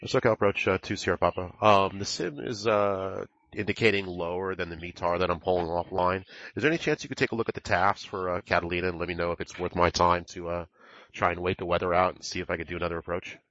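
A man's voice: low voice, steady tone, fast talker, a bit bright, no echo. A man making clipped pilot radio calls over a cockpit-style headset in a flight simulation. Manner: clipped aviation phraseology. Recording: dull, band-limited radio audio.

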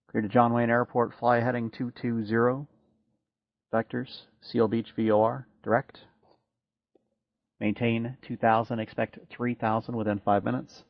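An air traffic controller reads out clearances over aviation radio in brisk, clipped phrases. His voice is medium-pitched and flat in delivery, and the audio is muffled and dry with no echo.

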